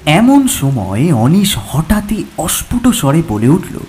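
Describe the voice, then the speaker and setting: Expressive male audio drama narrator. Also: on the high side, slow pace, soft background music. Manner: expressive storytelling.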